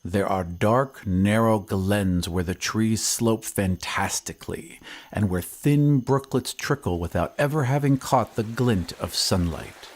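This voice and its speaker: A man portrays a somber surveyor recounting an eerie old tale in measured audio drama narration, his phrase endings hushed. His pitch is fairly low and the mood ominous and brooding.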